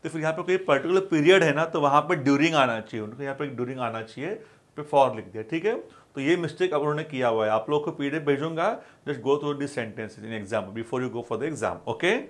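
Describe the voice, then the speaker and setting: A young Indian man teaching an English grammar lesson, explaining quickly in Hindi and reading English example sentences slowly and deliberately. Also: medium pitch.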